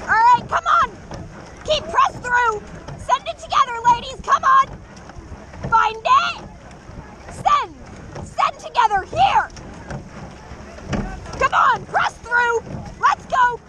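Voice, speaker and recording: A young woman coxswain shouting urgent, clipped, repetitive race commands to urge on rowers, outdoors in a boat. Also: extremely high pitch, lively intonation, slow, pauses often. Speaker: rowing coxswain. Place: outdoors in a boat on open water. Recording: loud wind and water noise. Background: rowing clicks, water and wind.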